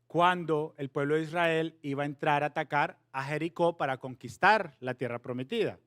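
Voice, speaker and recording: A man in his thirties with a high voice gives a playful, animated youth sermon, telling a story and slipping English words in. The sound is close and dry, with no room echo. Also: clear, resonant tone. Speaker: youth pastor.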